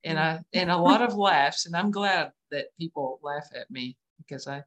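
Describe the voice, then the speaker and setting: A woman from West Texas with a West Texas twang, chatting as a guest on a video call in a halting, self-deprecating way. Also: sits low, a bit bright. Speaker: guest artist, painter. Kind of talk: casual interview chat over video call.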